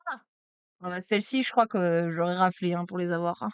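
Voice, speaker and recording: A woman streaming a card opening, chatty and excitable, exclaiming over each card. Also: fairly low pitch, a little fast, smooth, no room sound. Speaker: streamer opening trading cards. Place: at home desk.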